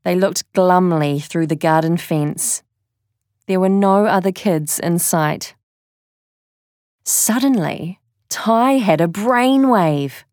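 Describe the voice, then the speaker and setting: Slow storytelling woman, low voice. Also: darkish tone, dry recording, studio quality. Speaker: narrator. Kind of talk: children's story read-aloud.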